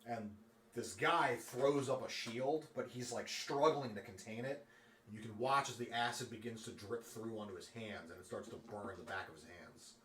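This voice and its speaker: Male dungeon master narrating: bright, forceful, loose with fillers, roomy off-mic sound. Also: on the low side, normal speed, far from the mic. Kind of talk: narrating a tabletop game. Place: room at a streamed game table. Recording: roomy, off-mic, faint room ambience.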